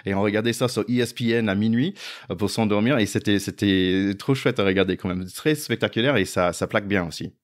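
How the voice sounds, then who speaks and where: A man's voice: on the low side, brisk. A man hosting a casual interview, asking questions with friendly enthusiasm. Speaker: host.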